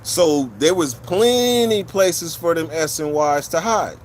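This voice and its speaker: This California livestream host speaks slowly, his voice on the high side, with slight noise in the background. Rambling between stories, he chats with viewers in blunt, profane street slang.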